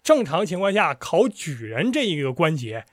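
A man with a fairly high voice walks through a piece of history in a casual chat. He talks with animation and drifts into a storyteller's rhythm. The sound is close and dry. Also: moderate pace, no room sound. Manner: animated, slips into storyteller cadence. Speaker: podcast host explaining history.

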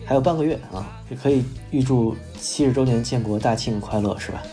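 A man's voice: mid-range voice, fairly quick, mellow, faint music behind. A man hosting a casual podcast chat in a wry, self-mocking way. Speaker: podcast host.

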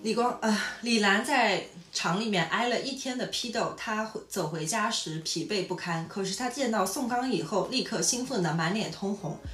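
A woman's voice: normal speed, hardly any pauses, reverberant, faint music behind. A woman co-hosting a podcast, reading a novel aloud in a storytelling way with casual asides. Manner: reads steadily, laughs often, lively pitch on quoted lines.

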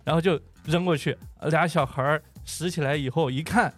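A man on a podcast casually retelling a spooky folk tale from childhood. He talks in a chatty, animated way with plenty of fillers, in a slightly raised voice. Quiet music runs faintly behind him. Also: on the high side, moderate pace. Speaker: podcast host. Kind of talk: casual storytelling chat.

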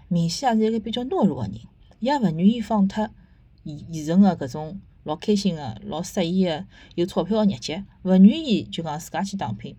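This podcast host reviews books and theatre, chatting casually and retelling stories in a low, dark, husky voice with a Shanghainese accent. She's conversational and opinionated, tossing in rhetorical tag questions, and the recording has no echo.

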